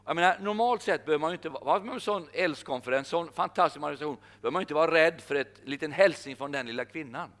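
An older man preaching a sermon, emphatic, slowing down to repeat his key phrases. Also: fairly high pitch, a bit bright.

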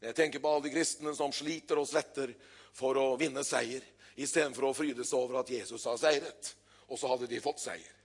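An older man preaching a sermon in a church, telling stories in a lively way, with casual hesitations between bursts of loud emphasis. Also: medium pitch, breathy edge. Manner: lively storytelling preacher, builds to loud exclamations; conversational with frequent hesitations. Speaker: pastor.

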